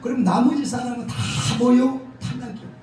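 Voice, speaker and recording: A middle-aged pastor from the region, preaching a humorous, folksy sermon sudden loud bursts. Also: male voice, very high voice, moderate pace. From Jeolla, South Korea. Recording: echoey hall, distant mic, faint noise.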